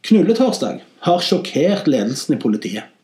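A man hosting a comedy podcast, telling comic stories and giving satirical commentary in an animated voice with sarcastic, deadpan jabs. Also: echoey room. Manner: animated, with big swings in pitch and loudness.

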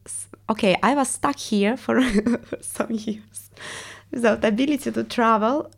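An Estonian woman with a Russian accent is an interview guest, reflecting on personal matters in non-native English and searching for words. Her voice is on the high side and creaky, and she speaks unhurriedly.

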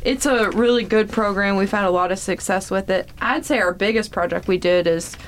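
A woman's voice: medium pitch, a little fast, slight background noise. A woman guest in a casual interview, explaining programs in a friendly way with frequent ums. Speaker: foundation representative, guest.

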